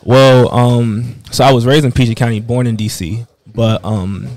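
A man's voice: mid-range voice, steady tone, moderate pace, darkish tone. A young man from the Washington DC area, a fashion designer, talking easygoing with lots of "you know". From Washington DC area, United States. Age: young adult. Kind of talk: casual interview answers.

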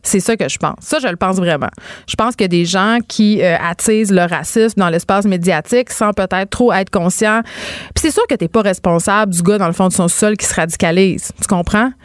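A woman's voice: medium pitch, brisk, no echo, clean studio sound. A middle-aged woman with a Québécois accent, talking as a commentator in a casual debate, emphatic and rambling. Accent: Québécois French. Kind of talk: casual talk show debate.

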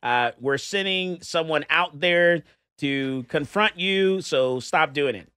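Man yelling a stern warning outside. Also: on the high side, smooth, no room sound, studio quality. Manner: loud, slow and mock-official when warning. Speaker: radio show host. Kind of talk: casual studio chat.

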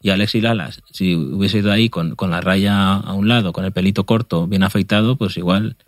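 Low-voiced man in relaxed chat. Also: no echo. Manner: laughs often, self-mocking, halting restarts. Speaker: podcast co-host. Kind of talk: casual chat about football.

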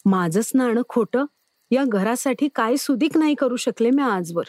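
A woman voicing a soft-spoken worried village wife. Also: fairly high pitch, lively intonation, normal speed, dry recording, voice pushed up. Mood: pleading. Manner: pleading, soft.

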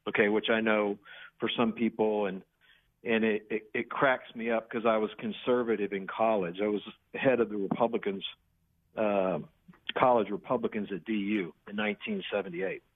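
A man's voice: fairly low pitch, steady tone, normal speed. A man in his sixties calling in to a talk radio show on a crackly phone line that fades in and out. He rambles and talks insistently, with many restarts. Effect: caller on a crackly phone line that fades in and out. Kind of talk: political call-in talk. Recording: tinny phone line, breaking up.

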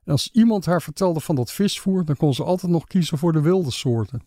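Male audiobook narrator, calm and measured, matter-of-fact, dry close sound. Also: on the high side, no echo.

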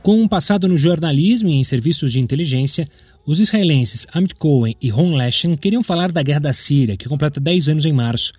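A man's voice: fairly high pitch, lively intonation, brisk, darkish tone, breathy edge, no room sound. A man with a Brazilian accent reading scripted news narration as a presenter.

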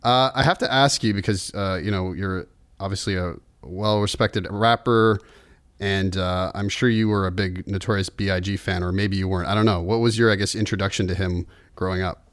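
A man's voice: sits low, fairly even intonation, fairly quick. A man hosting a podcast, friendly and asking his guests questions in casual chat. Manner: friendly, asks questions, laughs. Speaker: podcast host.

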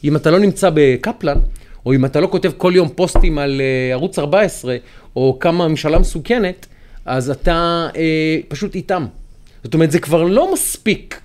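A man, a journalist co-hosting a casual political chat and acting out the people he quotes. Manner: animated, acts out quoted people with big pitch jumps. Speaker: podcast co-host, journalist.

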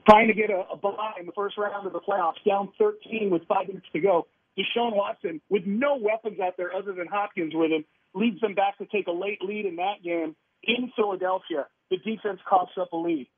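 A man's high, husky voice comes through a thin, tinny phone line. He talks sports in an emphatic way and lays out example after example. The sound is close and dry. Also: steady tone, brisk, no room sound. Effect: heard over a phone line. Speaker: sports radio host calling in as guest. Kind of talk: sports analysis chat. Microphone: telephone.

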